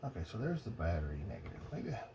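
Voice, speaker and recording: Filmed on an old phone rigged over a cluttered workbench, this noisy recording catches a man demonstrating electronics tests. He thinks aloud haltingly and casually, muttering to himself in a low, very animated voice.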